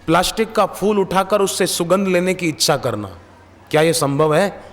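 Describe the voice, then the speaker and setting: A man giving a devotional sermon, speaking slowly and emphatically, asking rhetorical questions and telling stories. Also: high voice, in a large hall. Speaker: spiritual preacher.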